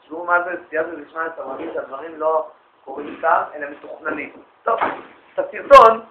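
A man giving a storytelling religious lecture to an audience, lively and anecdotal, acting out the dialogue he quotes. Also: fairly high pitch, a little hiss or hum. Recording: echoey, phone-like lo-fi recording.

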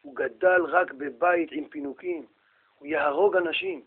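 A man's voice: sits high, animated, gravelly, breathy edge, narrow, tinny audio, heavily acted. A man voicing a shrewd old sage explaining himself firmly to a king. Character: shrewd older male sage, calm and confident.

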